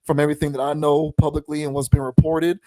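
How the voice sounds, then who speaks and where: Measured male podcast host, dry sound. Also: fairly high pitch, flat delivery, mellow, no echo. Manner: measured, deliberate, preachy. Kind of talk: opinion commentary.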